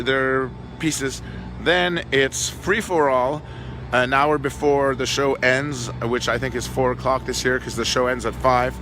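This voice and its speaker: Holding a phone camera, a weary man with a fading mid-range voice tours a large convention build on the hall floor amid background noise. As a diorama workshop host, he rambles offhand and often trails off mid-sentence.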